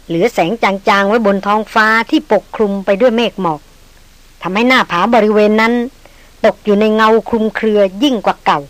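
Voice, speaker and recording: A woman's voice: medium pitch, dry recording, poor audio. Woman narrating an audiobook. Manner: steady storytelling. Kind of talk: scripted narration.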